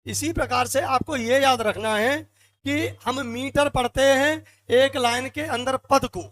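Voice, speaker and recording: A male literature teacher lecturing slowly in Hindi. He keeps quizzing the class and answering himself, counting feet out one by one. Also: very high-pitched, steady tone, fairly bright tone.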